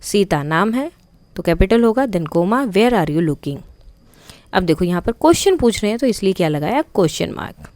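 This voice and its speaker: Female teacher with an Indian accent, mid pitch, patient step-by-step explainer, dry close-miked recording. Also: big pitch swings, darkish tone, no room sound. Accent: Indian English. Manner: patient step-by-step explaining, reads English lines slowly. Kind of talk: explaining a school English lesson in Hindi and English.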